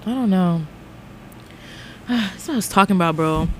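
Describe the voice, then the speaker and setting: A woman's voice: on the low side, a little slow. A woman giving a casual, slangy reaction to music in a conversational way. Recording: faint vehicle noise in background.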